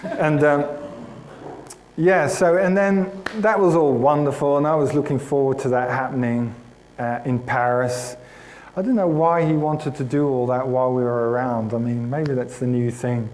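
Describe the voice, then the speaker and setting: A man's voice: mid-range voice, fairly even intonation, moderate pace, darkish tone, low-quality recording. A man preaching to his congregation, telling a personal story in a chatty, self-mocking way and addressing listeners by name. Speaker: pastor. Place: church hall.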